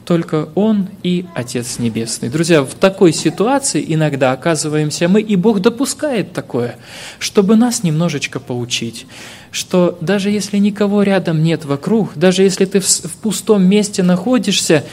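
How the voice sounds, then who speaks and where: A man delivers a sermon in an earnest, heartfelt voice that sits somewhat high for a man. He slips in hesitant fillers as he tells of his own hardships and speaks to the congregation. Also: animated, normal speed, darkish tone. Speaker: preacher.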